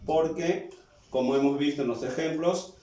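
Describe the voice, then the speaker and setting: A man's voice: a little high, dark tone, far from the mic. A male teacher giving a spelling lesson to students. He asks himself questions and answers them, and draws out the words he is teaching. He has a Peruvian Spanish accent. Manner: slow, drawn-out words, plays both the question and the answer. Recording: very echoey room, away from the mic.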